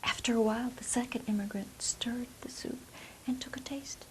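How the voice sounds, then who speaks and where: A woman telling a folk tale expressively, with dramatic, deliberate phrasing. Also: on the high side, steady tone, in a whisper, poor audio. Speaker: storyteller. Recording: clear background hiss.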